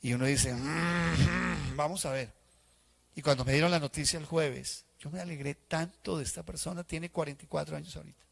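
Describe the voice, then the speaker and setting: A man's voice: a little high, normal speed, creaky. A male pastor preaching a sermon in a church, acting out the voices of people he quotes. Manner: animated, acts out congregants' voices in quotes.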